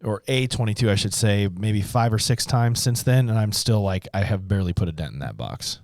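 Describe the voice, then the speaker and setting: A man co-hosting a podcast in casual chat, explaining things to listeners in a relaxed, rambling way. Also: fairly low pitch, a little fast, dry recording, clean studio sound. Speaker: podcast co-host, gun shop staff.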